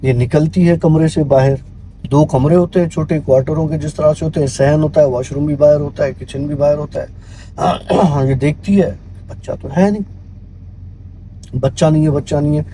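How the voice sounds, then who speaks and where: A male storyteller recounts a horror tale in an unhurried, conversational manner, often sinking to a hush. His voice is mellow and dark though pitched slightly high. A faint hum of background noise runs behind him. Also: steady tone, low-quality recording. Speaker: guest storyteller.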